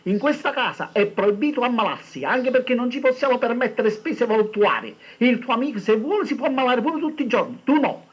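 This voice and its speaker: A man voicing a stern, poor mother who shouts shrilly at her son from another room, on a dull lo-fi recording. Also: very high-pitched, animated, brisk, hardly any pauses, slightly rough, pitched above the performer's own voice, exaggerated voice. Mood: scolding shout.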